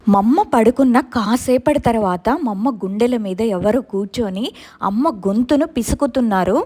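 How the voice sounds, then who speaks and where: A woman's voice: on the high side, normal speed, warm tone. A woman steadily telling a true ghost story in the first person.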